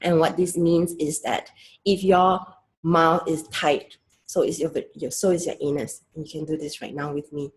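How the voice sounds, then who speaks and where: A woman, a clinical sexologist giving a calm educational talk in short, explanatory phrases. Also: sits low, normal speed, breathy edge. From Singapore.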